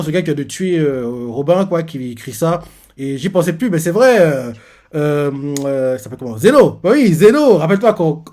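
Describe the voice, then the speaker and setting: Guy rambling through a manga recap, lots of fillers, kinda high voice. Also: darkish tone. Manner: rambling, full of fillers and "en gros". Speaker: manga reaction host. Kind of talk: casual reaction commentary.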